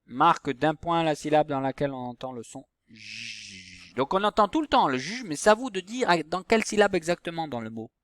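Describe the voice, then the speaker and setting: Patient male teacher, slow clear words. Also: fairly high pitch, dry recording. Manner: slow, patient, stresses each example word. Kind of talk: recorded phonics lesson for young pupils.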